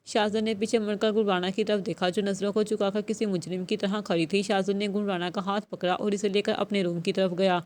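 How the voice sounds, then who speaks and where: A woman narrating a novel aloud in a steady, measured reading voice. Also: medium pitch. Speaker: novel reader. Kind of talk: scripted audiobook narration.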